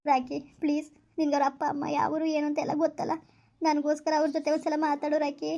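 A woman's voice: high-pitched, monotone, quick pace, warm tone, muffled recording. A woman playing a tearful betrayed young woman. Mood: pleading, tearful. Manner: pleading, tearful, repeating herself. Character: desperate young woman betrayed by her lover. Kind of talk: village comedy skit acting.

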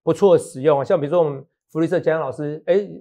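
A middle-aged man with a Taiwanese Mandarin accent hosts a stock market show, speaking rapid-fire in a slightly high voice with a dark tone. It's casual market talk: he's chatty and teasing, jokes and laughs a lot, and keeps checking in with his co-host by asking "好不好".

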